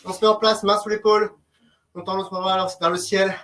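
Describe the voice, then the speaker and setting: A man's voice: sits high, level tone, normal speed, pushed and bright. A man coaching a group workout, giving short, commanding and encouraging instructions. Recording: distant mic, noisy background, clicks.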